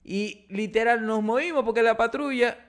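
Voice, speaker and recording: A man's voice: very high voice, normal speed. A man, co-hosting a podcast and telling stories in casual chat. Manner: storytelling, animated, uses "literal" and "o sea". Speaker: podcast co-host.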